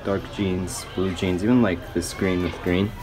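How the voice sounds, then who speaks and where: A young man vlogs in a low voice with fairly even intonation and a measured pace, the audio very noisy. Holding a camera or phone at arm's length, he rambles in loose slang, saying "like" a lot, first from a parked car and then from a small store's fitting room.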